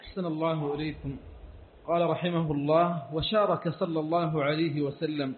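A man's voice: fairly high pitch, fairly even intonation, fairly quick. A man reading a religious text aloud for his teacher in a formal, recitative way. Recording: distant, tinny phone-like recording with faint noise.

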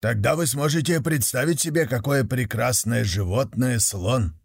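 A man's voice: medium pitch, moderate pace, creaky, dry recording. A man voicing a proud, commanding elephant rider in a fable.

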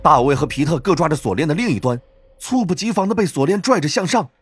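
A man narrating a novel audiobook in a dramatic, expressive storytelling manner. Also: fairly high pitch, quick pace, slightly rough.

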